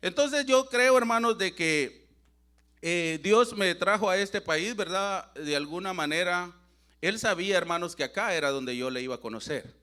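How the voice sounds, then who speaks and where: A man's voice: high voice, normal speed, sharp tone. A middle-aged man with a Central American Spanish accent preaches a sermon in church in an earnest, conversational way. He keeps addressing the congregation as brothers and adds a habitual tag question.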